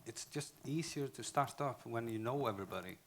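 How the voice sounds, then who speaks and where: A conference speaker with an Icelandic accent talks in English in a halting way, often going back to restart phrases and fix his wording. His mid-range voice has a fairly bright tone, with slight background noise present.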